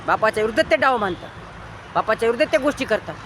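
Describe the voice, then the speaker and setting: A man with a Marathi accent giving an impassioned moral lecture, preachy and repetitive, swinging between loud emphatic bursts and quiet low lines. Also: animated, rapid-fire, background noise. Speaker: motivational speaker.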